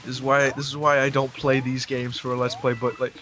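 A man rambling through casual gameplay commentary, excitable, with sudden yelps and outbursts. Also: medium pitch, fairly quick, soft background music. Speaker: gamer doing a Let's Play.

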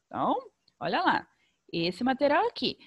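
Brazilian woman, teacher, remote lesson for small children, animated sing-song, over-articulated. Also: high voice, normal speed, husky. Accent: Brazilian Portuguese. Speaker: primary school teacher.

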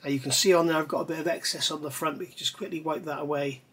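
Captured from an overhead camera, this middle-aged man speaks in a slightly rough, higher-than-average voice at a racing clip. He rambles in a relaxed way while working on a scale model at his indoor hobby bench, mixing practical instruction with chatty tangents.

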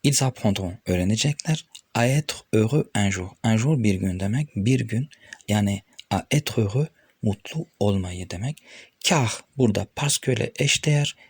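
A man's voice: on the low side, lively intonation, darkish tone, slightly rough, no room sound. A man with a Turkish accent teaching French grammar, patiently reading out verb forms and explaining each one. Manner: patient, addresses viewers as friends, reads conjugations slowly.

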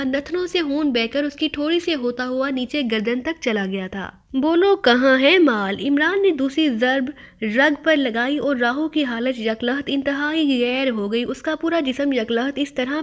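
A woman narrating a thriller audiobook with steady, vivid storytelling. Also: high-pitched.

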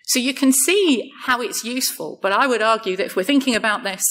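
A woman's voice: fairly high pitch, brisk, fairly bright tone, slight background noise. Wry woman giving a conference talk. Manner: wry, light-hearted, jokes at her own expense. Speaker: conference speaker.

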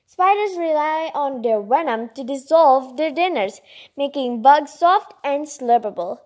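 A woman reads a children's picture book aloud in a high-pitched, animated voice with a darkish tone, a little slow. She is expressive and informal, adding chatty asides and exclamations.

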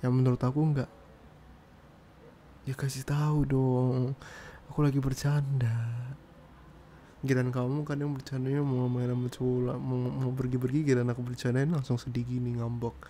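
A man's voice: mid-range voice, little pitch movement, moderate pace, warm tone. A young man in a whispered role-play as a boyfriend, teasing and coaxing, repeating phrases soothingly and switching between Indonesian and English. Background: noisy neighbours faintly heard.

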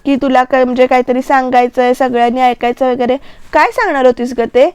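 A woman's voice: sits high, fairly even intonation, darkish tone, smooth, no room sound, close to an everyday voice. A woman reading out a touchy older husband. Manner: slow, plain quoted delivery. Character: older father, retiring husband, teasing and touchy.

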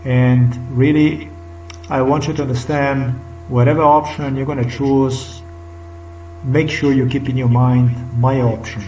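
A middle-aged man with a Slovenian accent rambles unscripted to his webcam, repeating himself and stressing points, now and then dropping to a whisper. His voice is medium-pitched, level, a little slow and slightly mellow, with light hiss or hum. The webcam picks him up from a distance in a small indoor room, sounding roomy, with faint music in the background.

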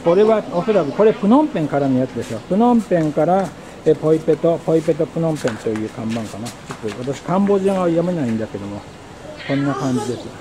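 Male travel vlogger, a bit higher voice, casual thinking-aloud narration, recorded on a camera mic outdoors with birds and traffic. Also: animated, rapid-fire. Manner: muses aloud, thinking as he goes. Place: outdoors at a small rural train station. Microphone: handheld camera mic.

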